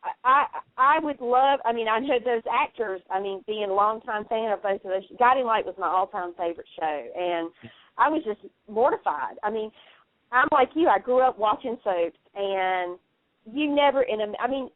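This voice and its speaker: Calling in over a narrow, tinny phone line, a woman who sits on a radio show panel and loves soaps chats casually and at length, effusive and opinionated. Her voice is on the high side with lively intonation at normal speed, and there's no echo.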